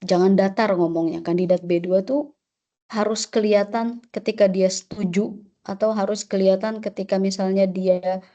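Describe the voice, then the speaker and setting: Mellow-voiced woman lecturing a webinar. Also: on the low side. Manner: checks in with a frequent "oke?"; mixes in French terms. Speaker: French exam instructor.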